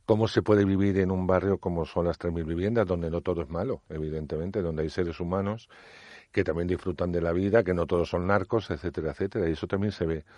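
Male interviewer, deep, measured and reflective, dry close sound. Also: fairly even intonation, darkish tone, no room sound. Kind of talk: conversational interview.

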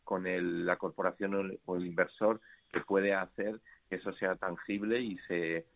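A man's voice: low voice, little pitch movement, moderate pace, vocal fry. A man, an organizer of a startup event, being interviewed on radio by phone, hesitant with many fillers and restarts. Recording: tinny phone line into radio.

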